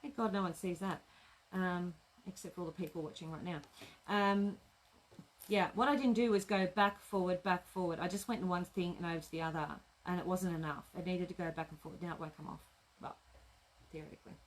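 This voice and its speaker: In a live-streamed craft demo recorded on a tablet at home, a woman who runs a craft shop sews while chatting, answering comment questions, and talking to herself under her breath. She speaks briskly in a lowish, steady voice. The recording is rough, with slight background noise.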